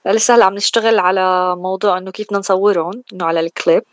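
امرأة بلهجة شامية تمزج العربية بالإنجليزية. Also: female voice, medium pitch, fairly even intonation, very fast, no echo, lo-fi sound. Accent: Levantine Arabic. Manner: switches between Arabic and English mid-sentence. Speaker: singer being interviewed. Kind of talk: casual radio interview chat.

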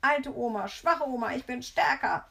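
A woman voicing a cheeky little boy who teases loudly in a sing-song way. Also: high voice, normal speed, creaky, voice pushed up, heavily acted. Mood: taunting. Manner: taunting, sing-song jeering.

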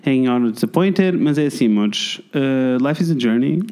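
A man's voice: mid-range voice, animated, normal speed, a little mellow. A man in his thirties with a European Portuguese accent, co-hosting a podcast at home in playful casual chat and mixing English phrases into his talk. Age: 30s. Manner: playful, mixes English phrases into Portuguese, calls listeners "amores". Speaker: podcast co-host.

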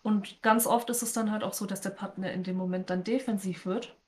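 A woman guest on a podcast, calmly explaining her points in conversation. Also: mid-range voice, fairly quick. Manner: calm, explanatory.

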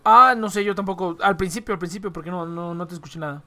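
A woman's voice: lowish voice, fast, pushed and bright, no room sound. A young woman with a Mexican accent hosting a livestream, chatting and ranting casually, swearing freely and tagging her sentences with questions. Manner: slangy, swears freely, tags phrases with questions. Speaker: livestream host. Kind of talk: casual ranting chat with a guest.

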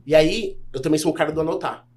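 A health insurance broker in his thirties, appearing as a podcast guest, tells a sales story in casual conversation. His fairly high voice moves quickly over a little hiss or hum. He's animated, acting out the dialogue as he goes.

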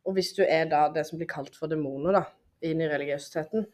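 A young woman, a podcast guest, telling stories in a casual chat in an animated way, with many fillers. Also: low-pitched.

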